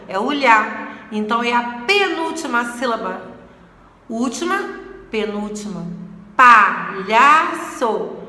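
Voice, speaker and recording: Bright and forceful, with a voice on the high side, a Brazilian teacher records a video lesson for sixth graders. She elongates and repeats words to emphasize their syllables, and the space echoes with long reverb.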